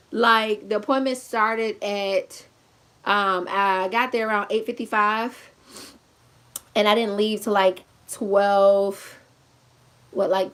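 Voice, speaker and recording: A young woman talks to her viewers at home in a loose, rambling way, sounding tired and a little short of breath. She calls her audience y'all and laughs between sentences. Her voice carries a medium pitch, and the camera picks her up from a short distance. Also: a bit bright. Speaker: vlogger. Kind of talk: casual pregnancy update vlog. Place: indoors at home, seated in a chair. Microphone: camera set at a distance.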